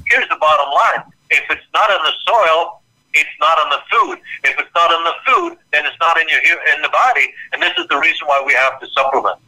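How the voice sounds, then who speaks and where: A man from Ireland speaking as a nutrition expert guest in a casual interview, fast and emphatic as he tells stories. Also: on the high side, bright, forceful tone, poor audio.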